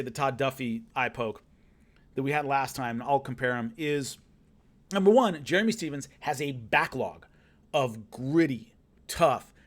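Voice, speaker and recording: A middle-aged man breaking down fights alone as a combat sports analyst, talking bluntly and with emphasis, swearing casually. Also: mid-range voice. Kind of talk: solo post-fight breakdown.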